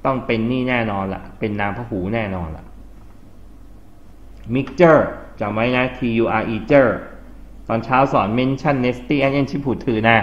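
A man's voice: medium pitch, takes it slowly. A man with a Thai accent teaching an English grammar lesson to a class, explaining step by step, spelling out words letter by letter and quizzing his students. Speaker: English tutor. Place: tutoring classroom. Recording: dull lo-fi classroom recording with faint hiss.

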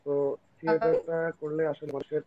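A man speaking hesitantly with many pauses in an online panel discussion. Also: fairly high pitch, level tone. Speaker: panel guest. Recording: tinny phone-like call line.

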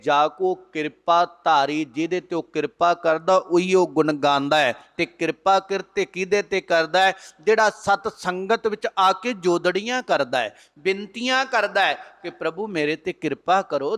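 A man, a head granthi, giving a Sikh scripture exposition, chanting verses slowly and then explaining them in a preaching manner. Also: sits high, fairly bright tone, long reverb tail.

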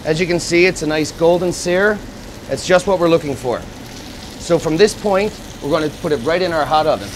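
Male executive chef, slightly high voice, lapel mic in a noisy restaurant kitchen. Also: fairly quick. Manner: steady instructive step-by-step explaining. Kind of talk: cooking demonstration. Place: restaurant kitchen at a gas range.

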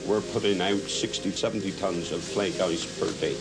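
A man's voice: sits low, steady tone, normal speed, loud music behind the voice, low-quality recording. A man, explaining the local ice works in a plain, matter-of-fact way. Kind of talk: documentary interview.

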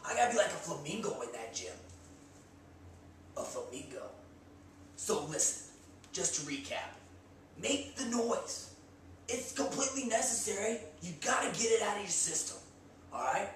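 Sing-song and high-pitched, a young man in his twenties moves at a moderate pace with long pauses while hosting a comedy sketch of mock gym advice delivered with meathead bravado. He's in a small indoor room by a bare wall, picked up by a far camera, so it's echoey with slight background noise.

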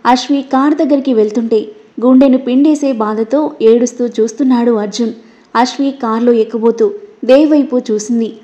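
A female storyteller reading a scripted story in a steady, even voice. Her tone is mellow and sits a little high. The audio is slightly dull and lo-fi. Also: normal speed.

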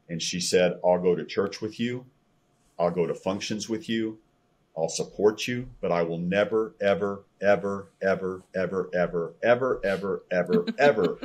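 An older American man of about sixty, with a deep voice, shares his personal testimony as a podcast guest in an earnest, halting way. He is on a video call from a room at home, using a computer microphone at desk distance.

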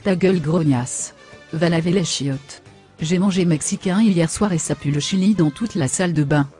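A woman's voice: lowish voice, moderate pace, warm tone, faint music behind, lightly acted. A woman voicing a vain, foul-mouthed young woman, brash and insulting in comic machinima. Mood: bossy. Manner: brash, insulting, self-satisfied.

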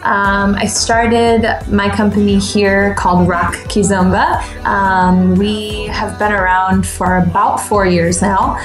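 Woman from New York, mid-pitched, friendly and relaxed interview guest, roomy echoey sound. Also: slow pace, few pauses, over music. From New York State, USA. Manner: friendly, relaxed, frequent ums and uhs. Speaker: guest, dance instructor. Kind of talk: casual interview answers.

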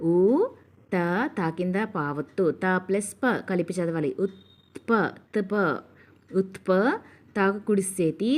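A woman teaching children to read, spelling words out syllable by syllable in a patient, slow manner. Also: on the low side, a little mellow. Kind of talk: reading lesson for children.

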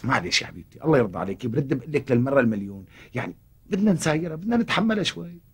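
A man with a Syrian Arabic accent acts in a TV comedy as a husband torn between two feuding wives. Speaking at medium pitch in a rapid-fire, sing-song way, he coaxes, sweet-talks and sounds exasperated.

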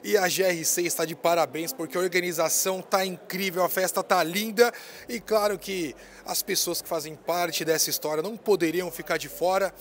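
A man in his thirties hosts a casual interview at an indoor music fair, holding a handheld mic and talking in a hyped, slangy, joking way. His voice is high-pitched and steady, a little fast, with slight background noise.

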